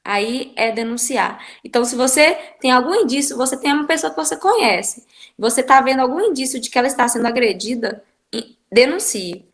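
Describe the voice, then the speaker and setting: A woman's voice: high-pitched, animated, fairly quick, fairly bright tone. Earnest woman giving advice. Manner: earnest, instructive, addresses the listener directly. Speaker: guest speaker. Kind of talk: explanatory talk giving advice.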